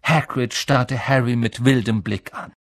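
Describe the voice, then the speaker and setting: A man narrating a children's novel slowly and expressively in a studio. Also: medium pitch, dry recording. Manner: slow, expressive storytelling. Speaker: audiobook narrator. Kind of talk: scripted narration.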